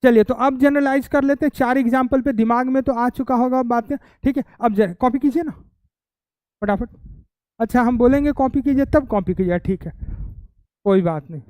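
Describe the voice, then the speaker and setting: A man's voice: extremely high pitch, moderate pace, a little mellow, no echo. A male chemistry teacher giving a classroom lecture, constantly quizzing students, repeating their answers back and teasing them playfully.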